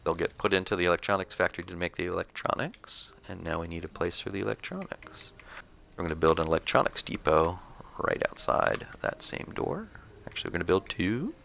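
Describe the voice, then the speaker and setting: Low gravelly man explaining a game. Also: fairly quick, slight background noise. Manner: relaxed, explanatory, thinking aloud. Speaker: gameplay commentator. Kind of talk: casual gameplay commentary.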